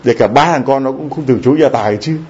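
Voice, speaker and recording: Warm-voiced priest preaching. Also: male voice, medium pitch, quick pace, breathy edge. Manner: conversational preaching with frequent rhetorical questions to the congregation. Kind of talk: sermon. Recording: slightly dull lo-fi recording with faint background noise.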